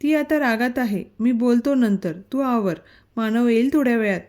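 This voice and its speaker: A man's voice: extremely high pitch, normal speed, darkish tone. A woman voicing a stern, protective young husband who speaks in curt commands.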